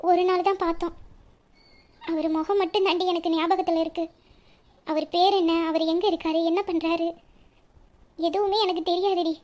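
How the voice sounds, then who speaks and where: A woman's voice: very high-pitched, steady tone, moderate pace, long pauses, a little mellow. A woman voicing a troubled young woman who speaks hesitantly and evasively about her marriage. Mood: confessing. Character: troubled young bride-to-be, secretly in love. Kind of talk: audio story reading.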